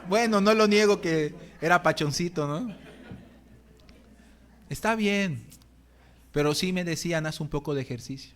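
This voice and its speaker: A man's voice: fairly high pitch, measured pace, pauses often. A middle-aged man preaching as pastor in a church, telling funny stories about himself and acting out his own groans. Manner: humorous, acts out his own groans and complaints. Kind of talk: sermon. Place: church hall.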